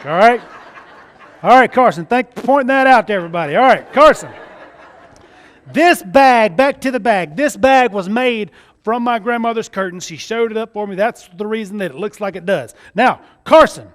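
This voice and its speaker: This high, slightly bright male voice belongs to a stage magician from Mississippi with a Southern accent. Performing live alongside a child volunteer, he guides the kid through the act with the flashy, joking patter of a party magician.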